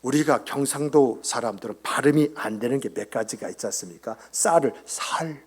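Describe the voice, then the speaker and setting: Man, pastor, husky voice, chatty sermon, questions to the congregation, whispered asides. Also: mid-range voice, brisk, a little mellow. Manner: conversational, quizzes the congregation, drops into whispered asides. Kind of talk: Sunday sermon. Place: church sanctuary.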